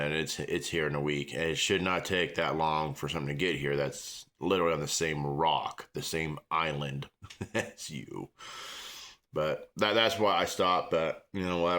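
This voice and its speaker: Casual American male reviewer, low register, rambling small-town chat. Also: a bit bright. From small-town United States. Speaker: product reviewer.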